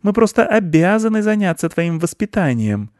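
A big, bossy female shrew, voiced by a male storyteller, scolds in a high, shrill voice. She nags and lectures without letup. The recording is dry and close. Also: sing-song, normal speed, a little mellow, dry recording. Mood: scolding.

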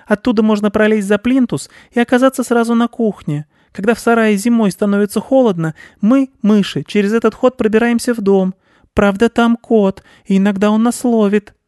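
A man voicing a small, sly male mouse with a squeaky, fawning voice, for a storybook reading. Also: fairly even intonation, fairly quick, darkish tone, clear, resonant tone, no room sound, studio quality, close to an everyday voice.

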